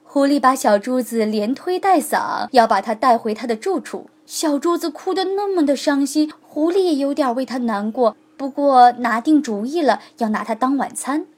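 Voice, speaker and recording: A woman storyteller reading a children's story aloud, speaking gently and warmly to young listeners. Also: sits high, moderate pace, few pauses. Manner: lively, gentle, addressing children.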